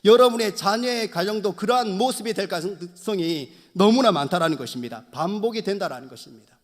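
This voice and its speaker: Guy pastor preaching earnestly, kinda high voice, big echoey church sound. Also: lively intonation, a little fast. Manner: earnest preaching, repeatedly addressing the congregation. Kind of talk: sermon. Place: church sanctuary. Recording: long church hall reverb.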